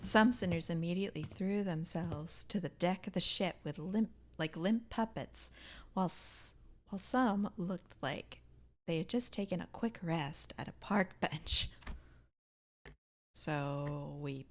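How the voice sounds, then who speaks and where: A woman's voice: fairly low pitch, measured pace. A woman reading game dialogue aloud in a theatrical manner, breaking off for casual asides.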